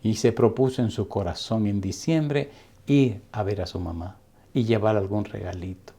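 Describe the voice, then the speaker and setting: A middle-aged man preaching a sermon, telling a story slowly and deliberately with long dramatic pauses. His voice is low-pitched and warm, mellow rather than bright. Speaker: pastor.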